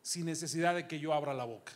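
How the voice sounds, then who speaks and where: A high-pitched middle-aged man preaches a sermon in a church. He fires rhetorical questions at the congregation, then drops to low, confiding asides. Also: fast. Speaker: pastor.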